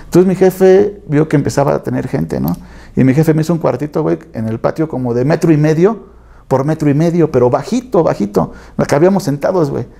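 A man's voice: fairly high pitch, fairly quick, creaky, warm tone. A man with a Mexican accent telling stories in a casual interview, slangy and acting out other people's voices. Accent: Mexican, Mexico City area. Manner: slangy, acts out quoted voices, frequent tag questions. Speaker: tattoo artist interviewee.

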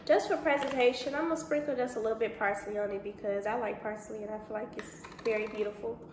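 Fast and steady in tone, with a fairly high pitch, a young adult cooking vlogger talks her viewers through cooking at home, breezy and conversational, tossing out y'all and boo. The recording comes from a camera sitting on the kitchen counter some distance away. Her indoor kitchen sounds echoey, and there's noticeable noise in the background.

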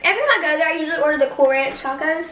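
A young woman with a high, bright voice chats and giggles through an eating vlog. She sits a little back from the mic in an echoey room, with faint noise underneath. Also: racing, recorded from a distance, lo-fi sound. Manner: giggly, upbeat, lots of "like". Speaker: guest co-host. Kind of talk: casual mukbang chat.

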